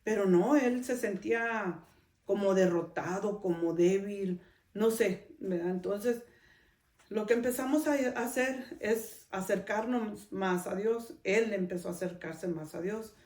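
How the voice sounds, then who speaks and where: A woman's voice: medium pitch, measured pace, darkish tone, recorded from a distance. A middle-aged woman, hosting a podcast and telling a personal story in a conversational way, often adding a questioning tag to her sentences. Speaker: podcast host. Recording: roomy sound, speaker off-mic.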